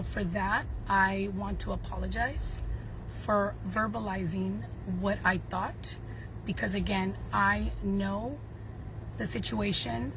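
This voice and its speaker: A woman giving an earnest, hesitant apology on a live stream, filling pauses with ums. Her pitch is average. Clear background noise and passing traffic run under her voice.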